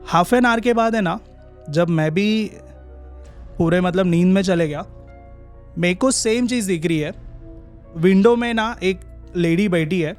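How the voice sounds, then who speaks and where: A young man with a notably high-pitched voice, telling a personal story as a podcast guest. He speaks casually and haltingly, pausing and restarting often. Soft music plays quietly underneath. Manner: halting, drawn-out pauses and restarts.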